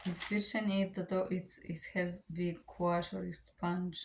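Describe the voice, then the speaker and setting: A woman with a Macedonian accent and a slightly low voice leads a bilingual vocabulary lesson. She takes it slowly, one term after another, pausing and repeating words as an informal teacher would. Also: level tone, a little hiss or hum. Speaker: language teacher.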